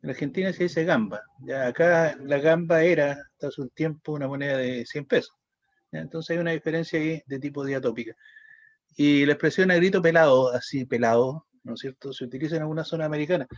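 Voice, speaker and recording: A Chilean man lectures a class in a slightly raised voice, pausing often on "eh" and checking understanding as he goes. The recording is dry and dull, like a low-quality lo-fi capture. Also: no room sound. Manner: explanatory, frequent "eh" and "¿ya?" checks. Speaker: teacher.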